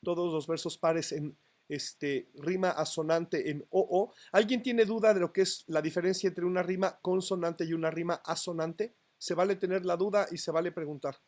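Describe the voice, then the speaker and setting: A man's voice: sits high, fairly even intonation, normal speed, darkish tone. A man lecturing on poetry to a class, counting syllables aloud and checking that students follow. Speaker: literature teacher. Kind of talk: university lecture.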